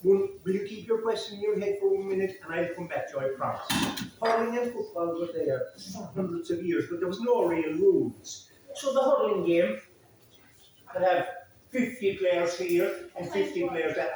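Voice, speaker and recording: A middle-aged Irishman with a Cork accent and a high-pitched voice hosts an informal storytelling session. He is chatty and wanders off on digressions. The sound is very roomy and picked up from a distance. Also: darkish tone. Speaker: traditional storyteller hosting a library event. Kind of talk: informal storytelling and chat with an audience. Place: indoors in a library, audience room. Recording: echoey room from far off, faint noise.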